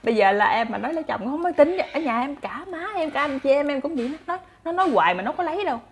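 Fast-talking Southern Vietnamese woman storyteller. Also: sits high, slight background noise. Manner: chatty, animated, addresses listeners directly. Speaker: storyteller, channel host. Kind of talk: casual folk storytelling.

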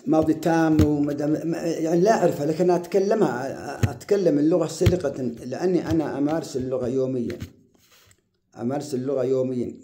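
A man giving casual advice as the host of his own show, talking at an unhurried pace and repeating words for emphasis. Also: medium pitch, mellow. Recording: roomy echo.

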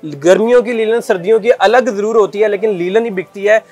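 Persuasive man pitching garments. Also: a little fast, darkish tone, soft background music. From Pakistan. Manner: persuasive, explains at length. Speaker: garment shop owner. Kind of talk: sales pitch interview. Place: clothing shop indoors.

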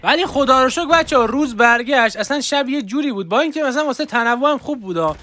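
A young man streaming a mobile shooter, chatting excitedly to his viewers as he plays. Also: very high-pitched, a little hiss or hum. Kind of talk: live gameplay commentary.

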